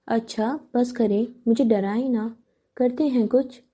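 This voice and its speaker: A playful young woman who scares easily, voiced by a woman reading an audiobook. The tone is dark and mellow and pitched slightly high. It is a line from a romance novel read aloud. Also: steady tone, slightly rough.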